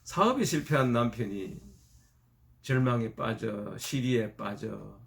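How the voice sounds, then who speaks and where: A male pastor preaching a sermon in an animated storytelling manner. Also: medium pitch, takes it slowly, vocal fry.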